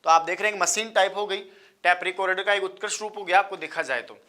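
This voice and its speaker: Speaking quickly in a high, pushed and bright voice, an Indian man runs an exam-prep lecture. He keeps hammering the key points and calls his listeners brother and sir, bhaiya and sahab.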